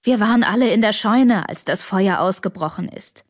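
A woman's voice: mid-range voice, moderate pace, natural voice. Audiobook: woman voicing a shaken middle-aged father, hesitant, worried. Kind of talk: audiobook reading.

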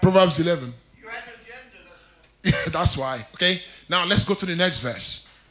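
A man's voice: high voice, unhurried, bright, forceful tone. A man preaching a sermon in a church, jovial and laughing often, repeating key phrases with rising emphasis. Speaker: pastor.

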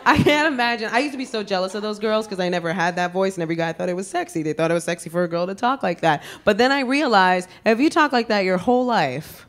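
A young woman from the Bronx doing a sassy, self-mocking stand-up set with quick asides. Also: mid-range voice. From Bronx, New York. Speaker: stand-up comedian. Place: comedy club stage before a laughing crowd. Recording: lively crowd laughter and noise. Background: audience laughing and cheering.

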